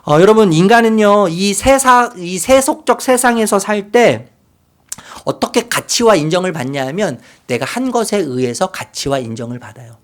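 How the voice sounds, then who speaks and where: A male pastor preaching a sermon, telling a story with big swings from loud to whispered. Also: sits high, lively intonation, moderate pace. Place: church sanctuary.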